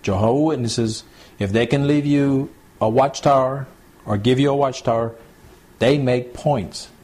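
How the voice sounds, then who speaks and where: A pastor with a husky, mellow drawl teaches the Bible at a small home church gathering that was recorded to CD. His mid-range voice moves a little slowly as he speaks plainly and conversationally, repeating his points and checking in with the group.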